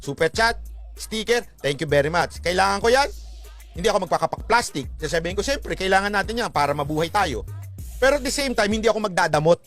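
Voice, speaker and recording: A man's voice: high voice, lively intonation, fast talker, a bit bright, soft background music. A Filipino man hosting a casual YouTube livestream, joking and mocking, often slipping into sung phrases. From Philippines.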